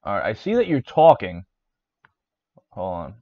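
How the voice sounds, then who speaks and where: A man's voice: on the low side, wildly swooping pitch, unhurried, warm tone, dry recording. Laid-back male streamer, desk mic, dry and slightly dull sound, rattles off card names. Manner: reads card names off in a list, with fillers and restarts. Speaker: streamer opening trading card packs. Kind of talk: casual live-stream chat.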